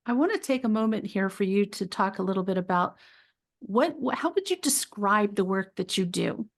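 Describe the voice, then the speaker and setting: A woman's voice: medium pitch, animated, moderate pace. A woman podcast host chatting casually with her guest and telling a light, laughing anecdote. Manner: friendly, laughing storyteller. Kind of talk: casual conversational interview.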